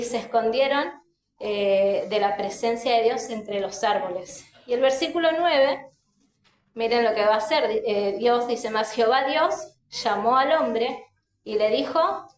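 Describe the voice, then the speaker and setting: A woman's voice: a little high, slight background noise. A young woman with an Argentine Spanish accent preaching a sermon, earnest and often checking in with the listeners. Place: church hall. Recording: echoey church hall.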